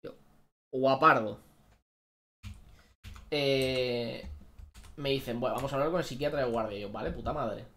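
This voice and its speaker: A man telling a personal story in a vlog, halting and restarting often as he retells what happened. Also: mid-range voice, a bit bright, a little hiss or hum. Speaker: YouTuber.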